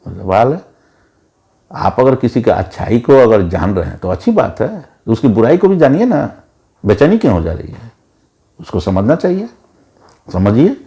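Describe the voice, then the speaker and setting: A man's voice: medium pitch, sing-song, moderate pace, pauses often, mellow. A man giving an opinionated monologue as a political commentator, emphatic and lecturing, repeating words for stress.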